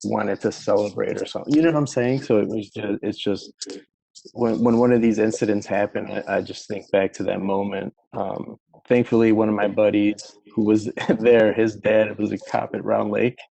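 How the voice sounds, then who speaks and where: A man talks casually and reflectively in a discussion, with many filler phrases. His voice is very creaky and husky, mellow and fairly flat. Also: fairly low pitch, moderate pace, rough recording. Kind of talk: casual reflective personal account in a group discussion.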